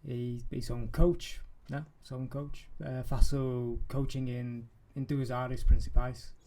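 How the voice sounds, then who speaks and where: A man in his thirties from Manchester, speaking Portuguese with an English accent, a coach guest who talks haltingly and searches for words. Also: mid-range voice, flat delivery, dark tone. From England, Manchester. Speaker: guest, life and business coach. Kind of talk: casual podcast interview. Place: podcast studio in a farm-like setting.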